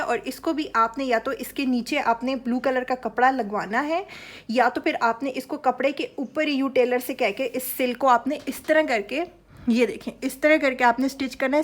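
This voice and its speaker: A woman's voice: high-pitched, a bit bright. A woman gives a step-by-step dress design tutorial in a chatty way. She often stops to check in with her viewers. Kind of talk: instructional sewing tutorial.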